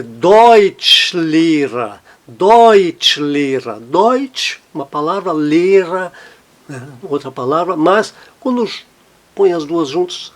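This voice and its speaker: A man teaching a language lesson, patient and explanatory, slowly repeating each example word. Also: high-pitched. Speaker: German teacher.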